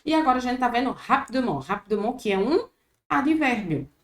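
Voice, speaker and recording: A woman with a Brazilian Portuguese accent teaching a vocabulary lesson, slowly repeating each word for her students. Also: fairly high pitch, sing-song. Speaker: French teacher. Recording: echoey room.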